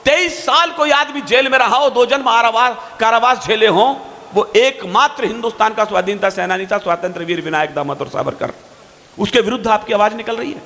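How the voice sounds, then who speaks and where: A man reciting his poetry on stage in a fiery, declaiming style, stretching his verse lines slowly. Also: high voice, sharp tone. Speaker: poet on stage. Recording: long hall reverb.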